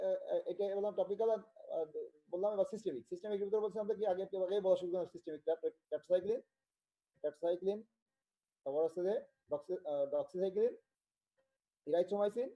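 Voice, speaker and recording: A man from Bangladesh giving an online medical tutorial, talking haltingly and repeating himself as he checks in with students. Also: high-pitched, warm tone, rough recording. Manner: halting, repetitive, with many restarts and check-ins. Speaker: medical lecturer.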